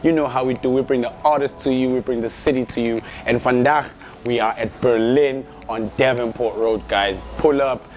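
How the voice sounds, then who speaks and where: A man's voice: medium pitch, fairly even intonation, normal speed, a little mellow. A young man hosting a casual interview, hyped and slangy, often repeating himself. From South Africa. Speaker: interview host.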